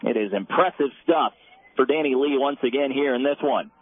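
A man giving brisk, stat-heavy play-by-play of a softball game, heard as a loud, dense radio broadcast. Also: medium pitch. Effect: loud dense radio broadcast sound. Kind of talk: live softball commentary. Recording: narrow tinny radio band, faint hiss.

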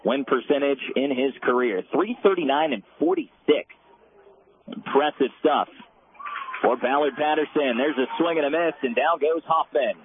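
Man calling softball in a dense radio sound. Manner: brisk pitch-by-pitch calling, stat-heavy. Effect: loud dense radio broadcast sound. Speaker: play-by-play radio announcer. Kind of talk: live softball commentary. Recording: narrow tinny radio band, faint hiss.

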